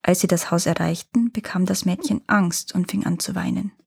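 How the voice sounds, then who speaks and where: A woman storyteller reading a fairy tale aloud in a calm, even manner, with a slightly husky voice. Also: on the low side, moderate pace, no echo, clean studio sound. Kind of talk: scripted fairy-tale narration.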